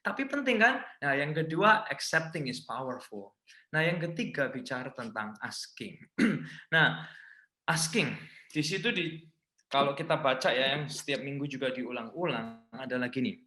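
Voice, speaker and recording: A man with an Indonesian accent preaching a sermon as a pastor, mixing in English phrases and swinging from loud emphasis to hushed lines. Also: medium pitch, lively intonation, a little slow. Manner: switches often between Indonesian and English phrases. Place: large church hall. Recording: echoey church hall.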